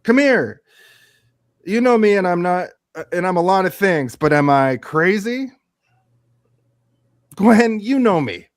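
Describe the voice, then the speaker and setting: A man playing an excitable, boastful washed-up space-show actor in a radio theatre piece, pleading insistently and repeating himself. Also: high voice, a little slow, pauses often, dry recording, studio quality.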